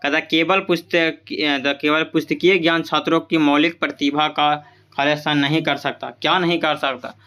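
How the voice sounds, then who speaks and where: A man's voice: on the high side, steady tone, normal speed, sharp tone. Man walking through exam answers. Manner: repeats each answer as a question and reply; mixes English terms into his explanations. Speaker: exam tutor.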